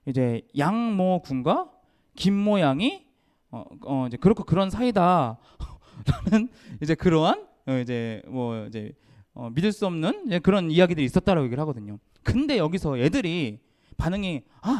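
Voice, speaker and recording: A man's voice: high-pitched, dark tone. A man giving a youth sermon in church, who talks to the students directly, acts out quoted voices and jokes with them. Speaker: youth pastor.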